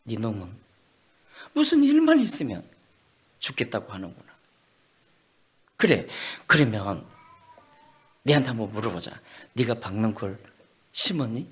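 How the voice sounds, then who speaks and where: A man voicing God as a patient, fatherly figure who scolds gently and reasons earnestly. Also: medium pitch, measured pace, long pauses, husky, pitched below the performer's own voice. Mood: admonishing. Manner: calm, reasoning, then impassioned.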